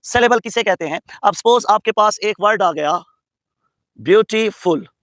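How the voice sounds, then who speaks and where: A man's voice: high-pitched, moderate pace, a bit bright, dry recording, low-quality recording. A man from Pakistan teaching an English grammar lesson. He asks students questions, answers them himself, and spells out English terms carefully. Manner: calls students "beta". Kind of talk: classroom lecture mixing English and Urdu.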